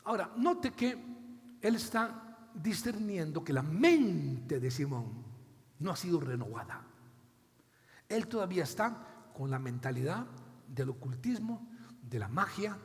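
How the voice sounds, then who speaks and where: A man preaching a sermon as a pastor, dramatically acting out biblical dialogue with big swings in loudness, with a Costa Rican accent. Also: fairly high pitch, very animated, a little slow, long pauses. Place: church hall. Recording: long church reverb.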